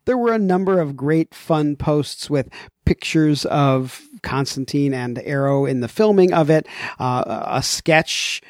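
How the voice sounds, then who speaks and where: A man's voice: a little high, lively intonation, a little slow, a little mellow, no room sound. Chatty podcast man with a dry, close sound. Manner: chatty, jokey, rambling with fillers. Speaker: podcast co-host. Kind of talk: casual podcast chat.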